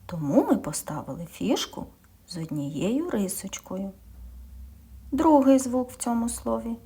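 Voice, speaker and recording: A woman's voice: fairly high pitch, big pitch swings, measured pace, dark tone, breathy edge. A woman kindergarten teacher giving a speech lesson to young children, patiently asking questions and answering them herself, sometimes dropping to a whisper.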